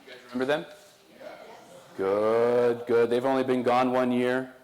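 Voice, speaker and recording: A man's voice: medium pitch, little pitch movement, a little slow, a little mellow. A man leading a church service in an easy, conversational way, teasing the people in front of him. His voice sits in a middle register. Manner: conversational, joking with the congregation. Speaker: pastor. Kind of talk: sermon and introductions.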